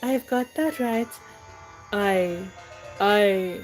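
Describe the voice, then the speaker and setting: Woman playing an ardent young gentleman, slow and florid. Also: mid-range voice, faint music behind. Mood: flustered. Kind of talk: dramatic reading of a comic stage play.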